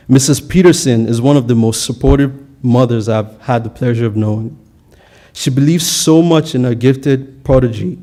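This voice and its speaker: A man's voice: mid-range voice, mellow. A young man giving an earnest, prepared valedictory speech at a college graduation, with occasional stumbles on words.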